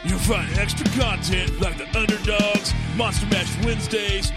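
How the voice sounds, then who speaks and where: Someone putting on a cheeky bossy monster movie host, mid pitch, reading a promo over loud music. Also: moderate pace, natural voice. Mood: cheeky, boastful. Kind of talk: scripted podcast promo.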